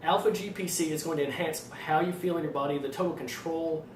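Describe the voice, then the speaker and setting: A man with an Arkansas accent explaining things informally as a trainer, in a fairly monotone voice with a slight tendency to stutter. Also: on the high side, brisk. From Arkansas, United States. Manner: self-described monotone delivery. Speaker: fitness trainer presenting supplement advice. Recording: roomy echo, distant mic, faint noise.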